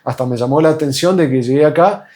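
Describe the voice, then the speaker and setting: A man with an Argentine accent recounts his experience as a patient in relaxed, unscripted speech. He hesitates often and restarts his sentences. His voice sits a little on the high side for a man. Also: quick pace. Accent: Argentine Spanish. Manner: hesitant, many fillers and restarts. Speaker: patient giving a testimonial. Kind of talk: casual spoken testimony.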